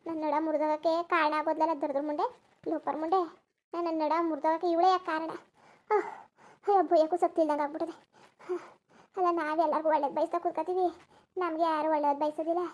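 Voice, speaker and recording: Girija, shrill bitter old mother-in-law. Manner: wailing, moaning and cursing under her breath. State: in pain with a hurt back. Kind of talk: cartoon voice acting.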